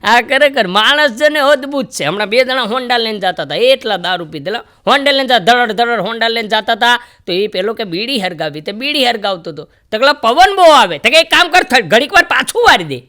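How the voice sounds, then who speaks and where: A man's voice: extremely high pitch, a little fast, hardly any pauses. A man telling stand-up jokes on stage and acting out each character's lines. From Gujarat, India. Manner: animated storyteller who acts out each character's lines. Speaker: stand-up comedian. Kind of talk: Gujarati stand-up joke telling. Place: stage in front of a live audience.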